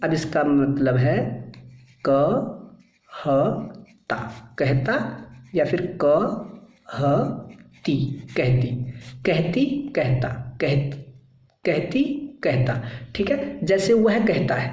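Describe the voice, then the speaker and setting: A man leads a spoken English lesson at a slow, patient pace. He repeats single sounds and short words again and again and keeps checking in with his listeners. His voice rings in an echoey room. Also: fairly high pitch, very animated, darkish tone, highs cut off. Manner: checks in with frequent "ठीक है". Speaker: English teacher.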